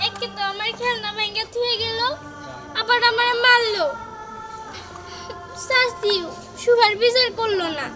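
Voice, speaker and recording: A woman's voice: very high-pitched, fairly even intonation, unhurried, long pauses. A woman playing a young village girl, a wronged stepdaughter who complains and pleads. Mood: plaintive. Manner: plaintive, whiny, pleading. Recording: music playing under the voice.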